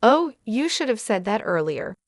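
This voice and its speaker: A woman's voice: fairly high pitch, big pitch swings, normal speed, no echo, studio quality. A woman reading the lines of a scheming, greedy younger stepsister in a narrated story, pushy and brash.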